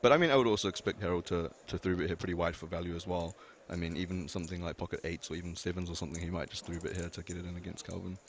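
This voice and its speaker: A man's voice: low-pitched, steady tone, very fast, few pauses. A man giving expert poker commentary, hedging his points with lots of fillers and restarts. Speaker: poker analyst.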